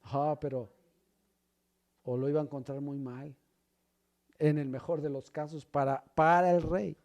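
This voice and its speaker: A man preaching a sermon, swinging from loud emphasis to hushed low lines and asking the congregation questions as brothers. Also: steady tone, measured pace. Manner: asks the congregation questions, addresses them as brother. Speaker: pastor.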